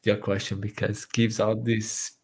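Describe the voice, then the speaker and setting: A Brazilian-born man raised in Portugal, a native Portuguese speaker with a Portuguese accent, talks earnestly as a podcast guest in casual conversation. He restarts phrases while searching for English words. His lowish voice has little pitch movement, a darkish, breathy tone and normal speed.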